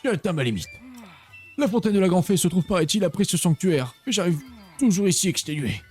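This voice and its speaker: Vieux voyageur épuisé, joué par un homme, voix haut perchée. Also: male voice, high voice, expressive, fairly quick, a little mellow, husky, soft background music, voice pushed up. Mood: exhausted, plaintive. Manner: plaintive, worn-out complaining. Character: weary old traveller complaining of exhaustion and age. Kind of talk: video game dialogue read aloud.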